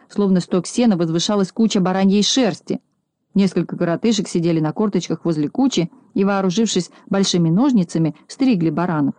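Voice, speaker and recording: A woman reading a children's storybook aloud in a calm, measured narration. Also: fairly low pitch, no room sound. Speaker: audiobook narrator.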